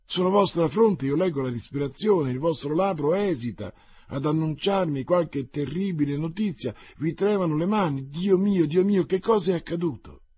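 A man's voice: medium pitch, animated, moderate pace, mellow, breathy edge. A man voicing a proud, anguished exiled queen who pleads urgently for news.

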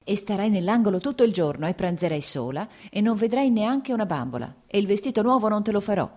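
A woman's voice: low voice, dark tone. A woman reading Dolly, a harried, exasperated mother. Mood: scolding. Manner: agitated, scolding, quick to emotion.

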